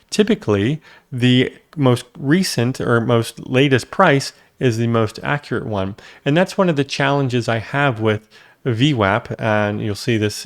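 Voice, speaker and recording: A man hosting his own channel, explaining a trading indicator in a casual, conversational way and often checking in with a quick "right?". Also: mid-range voice. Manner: conversational, frequent "right?" asides. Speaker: algorithmic trader and channel host.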